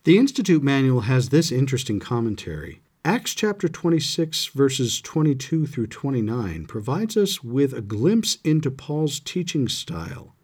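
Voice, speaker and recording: A man giving a scripture lesson, reading passages aloud in a measured, reverent way and adding commentary. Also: medium pitch, big pitch swings, darkish tone, breathy edge. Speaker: scripture study teacher.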